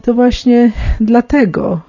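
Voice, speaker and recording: A middle-aged woman speaking unscripted in a radio interview, explaining in a halting way and often correcting herself. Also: a little high, dark tone, dry recording, muffled recording, soft background music. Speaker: interviewed aid worker among lepers in India.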